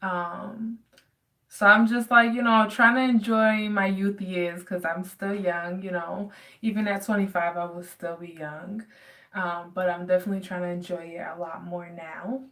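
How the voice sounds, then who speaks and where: A woman's voice: on the low side, steady tone, moderate pace, fairly bright tone. Chatty young woman, distant mic. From United States. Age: 20s. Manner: chatty, rambling with many ums and likes. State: dry throat. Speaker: vlogger. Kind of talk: casual Q&A vlog. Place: home.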